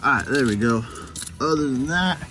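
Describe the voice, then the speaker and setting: A man's voice: mid-range voice, animated, moderate pace. A man giving a casual, slangy how-to walkthrough while working on a truck, talking to his viewers like buddies. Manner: laid-back and slangy, calls viewers "boys". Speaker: DIY truck repair vlogger. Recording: clear guitar music under voice.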